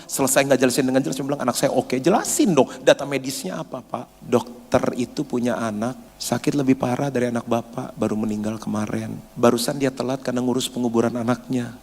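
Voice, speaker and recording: A man's voice: mid-range voice, darkish tone, in a large hall. A man preaching a sermon as a pastor, telling funny anecdotes with slangy asides.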